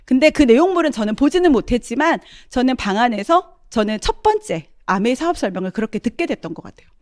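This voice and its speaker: A woman's voice: fairly high pitch, sing-song, fast, darkish tone, no echo, studio quality. A middle-aged woman giving a testimonial talk, often turning to address her audience as she tells her story.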